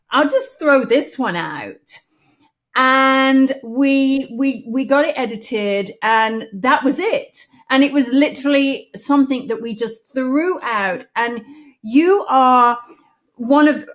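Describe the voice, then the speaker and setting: A woman's voice: on the high side, fairly bright tone. A woman hosting a podcast interview, stepping in to clarify and recounting her own experiences. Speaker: podcast host and medium.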